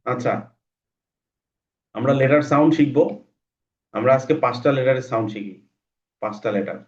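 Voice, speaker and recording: A man teaching an online English class for children, chanting the alphabet in slow repeated drills and coaxing his pupils patiently. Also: medium pitch, darkish tone, lo-fi sound.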